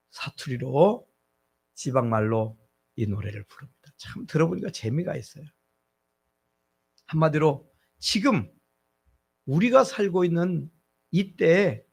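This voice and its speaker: A middle-aged man preaching, his gravelly voice rising and falling with lively swings of pitch. His tone is slightly husky. He talks to the congregation conversationally and keeps asking rhetorical questions. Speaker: pastor. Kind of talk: sermon.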